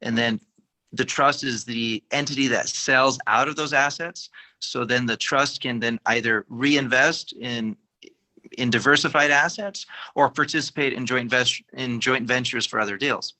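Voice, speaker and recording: A man from a tax deferral firm explains how deals work in a measured, casual way. He uses many fillers and restarts. His voice has a very bright, sharp tone at an ordinary pitch. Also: fairly even intonation.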